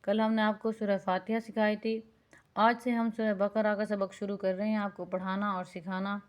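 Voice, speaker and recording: A woman teaching beginners Quran recitation, drawing out the verses slowly and then explaining the rules quickly and patiently. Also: mid-range voice, little pitch movement. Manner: alternates slow drawn-out recitation with quick explanation; patient, instructive.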